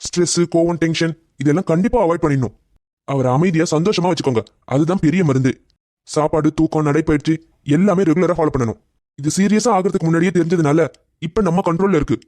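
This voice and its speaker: An actor playing a calm hospital doctor who explains things in a reassuring way. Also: male voice, on the high side, fast, dry recording, natural voice.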